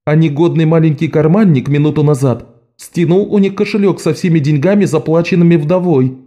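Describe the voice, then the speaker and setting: Man doing a booming bossy old lady shopkeeper, loud and raised pitch. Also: a little fast, close to an everyday voice. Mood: scolding.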